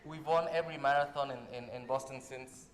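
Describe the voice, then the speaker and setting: At a fairly quick clip and mid-range pitch, the Kenyan guest musician tells casual talk-show stories. His manner is animated and laughing, with many restarts and repetitions, and the echoing hall adds a long tail and faint noise.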